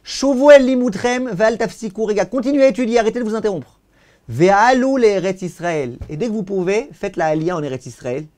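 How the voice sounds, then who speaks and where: A man, a rabbi giving a lesson over a video call. He declaims passages loudly, then translates them more calmly, and often repeats words as he searches for them. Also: high voice. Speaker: rabbi teaching.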